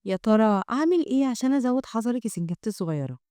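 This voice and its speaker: A woman's voice: a little high, animated, racing, mellow, clean tone, no room sound, studio quality, close to an everyday voice. A woman with an Egyptian Arabic accent voicing a caring, fussy young woman guardian, reading her lines in a doting way.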